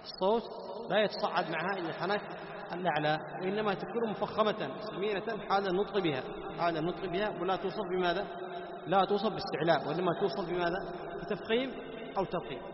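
A man's voice: sits high, crowd noise. A man teaching a Quran recitation class, questioning his students and answering himself. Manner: chants Quran verses slowly as examples. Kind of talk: classroom lesson on tajweed. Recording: echoey hall, dull lo-fi, background noise.

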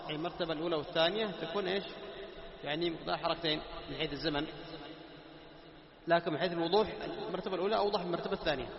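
Male teacher, fast-talking, drills his class with repeated questions; dull lo-fi recording. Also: fairly high pitch, vocal fry, crowd noise. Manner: quizzes students, repeats key terms, slows down to recite examples. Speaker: Quran recitation teacher. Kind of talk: classroom lesson on tajweed. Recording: echoey hall, dull lo-fi sound.

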